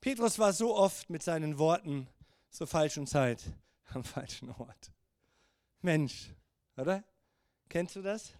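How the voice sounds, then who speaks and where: Man, fifties, preacher, high voice, lively conversational storytelling, dry sound. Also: slow, pauses often, no echo. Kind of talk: sermon.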